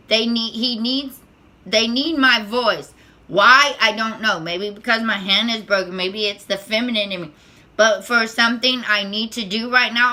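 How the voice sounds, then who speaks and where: Speaking unscripted to camera, a spiritual tarot vlogger gives a talk in a squeaky, bright voice with a sharp edge. She sounds nervous and halting, frequently restarting and repeating words.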